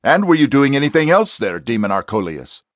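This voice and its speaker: A stern male exorcist barks forceful, insistent commands with full confidence, as an audiobook narrator plays him. His voice is pitched at a middling level. The sound is dry and close. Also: very animated, brisk, no echo, lightly acted. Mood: commanding. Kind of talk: audiobook character voice.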